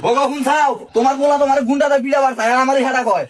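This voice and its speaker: A man doing a shrill scolding village wife. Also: fairly even intonation, racing, a little hiss or hum. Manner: scolding, defensive. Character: bickering middle-aged village wife, half-deaf. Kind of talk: comedy skit acting.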